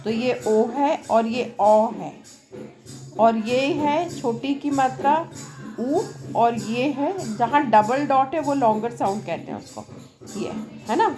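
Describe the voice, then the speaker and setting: A woman teaching an English lesson at a board in Hindi mixed with English. She speaks loudly over outside noise and keeps checking that the class follows along. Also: fairly high pitch, slow. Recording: loud music and noise from a nearby event behind her. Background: music from a nearby program.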